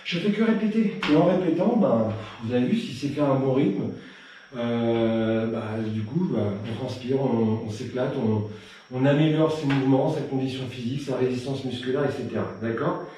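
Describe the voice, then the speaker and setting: A man teaching a live self-defense class, counting out strikes loudly and pushing the pace, then explaining techniques in a relaxed way. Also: mid-range voice, normal speed, very echoey, distant mic, slight background noise, low-quality recording. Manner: relaxed explaining between drills. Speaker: Krav Maga instructor.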